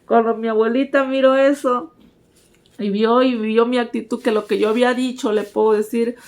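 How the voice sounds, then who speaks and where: A woman's voice: on the high side, fairly even intonation, moderate pace, a little mellow. A woman giving a personal religious testimony, earnestly speaking to her listeners as brothers and sisters.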